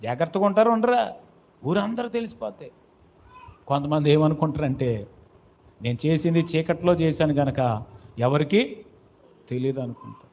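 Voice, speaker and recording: High-voiced preacher calling out to his flock. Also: lively intonation, moderate pace, long pauses. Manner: call-and-response preaching, rising to loud exhortation. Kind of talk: sermon.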